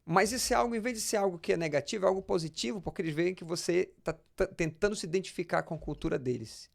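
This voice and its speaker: Quick and gravelly, this high-pitched Brazilian man is a pastor being interviewed. He tells personal anecdotes in a chatty way and keeps repeating words as he explains.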